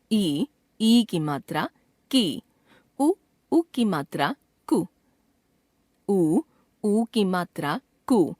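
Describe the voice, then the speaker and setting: A woman reads a grammar lesson at a very slow, deliberate pace, stretching out the sounds she names. Her voice sits in a middle pitch and sounds dry and close, with no room around it. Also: a little mellow, no room sound. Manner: slow, careful, drawn-out enunciation of sounds. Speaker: teacher. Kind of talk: scripted grammar lesson reading.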